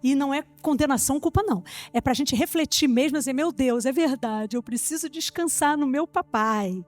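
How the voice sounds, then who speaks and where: An older woman with a Brazilian Portuguese accent preaching a sermon in church, telling lively stories and acting out dialogue. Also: sits high, brisk.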